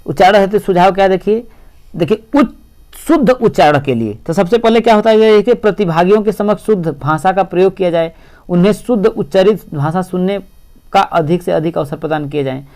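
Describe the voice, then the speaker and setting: A man's voice: high-pitched, a little fast, darkish tone. A male teacher giving an exam-prep lecture, explaining step by step and repeating "see" often.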